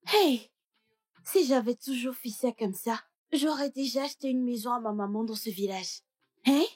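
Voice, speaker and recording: An actress dubbing a brash, talkative young village woman who thinks aloud and fires back quick retorts. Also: high-pitched, breathy edge. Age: young adult. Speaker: dub actress. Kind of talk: dubbed film acting.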